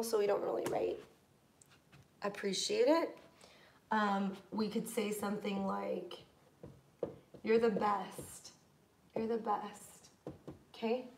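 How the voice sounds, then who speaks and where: A woman's voice: mid-range voice, gravelly, a little mellow, slight background noise. A young American woman teaching English in a live online class, patient and encouraging, reading out students' comments. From United States.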